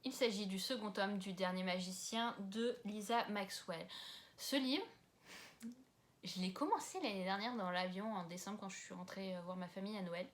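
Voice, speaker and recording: A woman's voice: medium pitch, normal speed. A young woman from France chatting casually about books at home, rambling and self-deprecating with lots of fillers and asides. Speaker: book vlogger.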